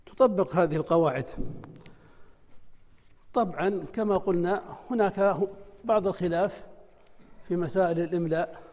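A man's voice: high-pitched, normal speed, pauses often, darkish tone, big-room sound. A man teaching a spelling lesson, working through examples by asking questions and answering them himself. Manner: methodical, asks and answers his own questions.

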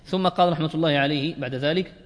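A man with a fairly high voice gives a grammar lecture to a room of students. He works through each point slowly, repeats key words and stretches out his pauses. The sound rings with long reverb from a lecture hall. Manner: explains slowly, repeats words, drawn-out fillers. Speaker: Arabic grammar teacher. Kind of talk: classroom lecture.

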